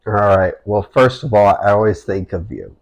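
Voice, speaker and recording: A man chatting casually with his wife over a meal at home, relaxed and teasing, speaking slowly between bites. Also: on the low side, vocal fry. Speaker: husband and vlog co-host. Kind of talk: casual mukbang chat while eating.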